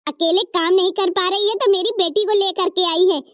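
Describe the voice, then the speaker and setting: A sharp-tongued, scolding mother-in-law from a cartoon family drama, as a woman acts her out. The voice sits very high and is recorded dry and close, with no room sound. She insults and bosses as she talks. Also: steady tone, moderate pace, no room sound. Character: harsh scolding middle-aged mother-in-law. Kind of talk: cartoon story voice acting.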